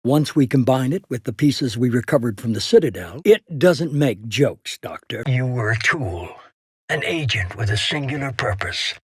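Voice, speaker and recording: Cold video game mastermind, middle-aged man, husky, measured, commanding, calculating, dry studio sound. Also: mid-range voice, expressive, no echo. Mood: cool, authoritative. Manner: measured, deliberate, authoritative. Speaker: head of a secret organisation. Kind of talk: dramatic video game voice acting.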